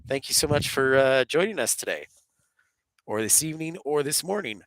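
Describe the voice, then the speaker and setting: An animated, medium-pitched man speaks at normal speed in a fairly bright tone as he hosts a live plane-spotting stream from an airport. Stuffy from a cold and sore throat, he chats casually and welcomes viewers; there is no echo, but the audio is poor.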